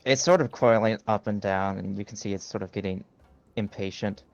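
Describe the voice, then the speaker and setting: A man's voice: on the low side, brisk, dull audio, soft background music. A man running a tabletop game as game master, describing the scene in a loose, rambling way with many fillers.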